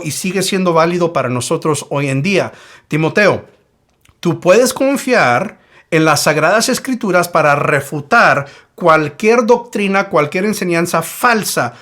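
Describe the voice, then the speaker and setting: A man's voice: on the high side, fairly bright tone. A man giving a Bible teaching video, explaining a Greek word step by step and repeating his main points with emphasis.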